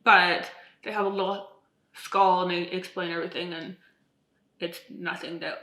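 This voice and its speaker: Lowish and level but sharp-toned, this twenties vlogger talks at a moderate pace in a rambling, self-deprecating way, scattering "like" throughout. Her swollen, numb lips, like new lip filler, make her speech stiff. The recording sounds roomy and echoey.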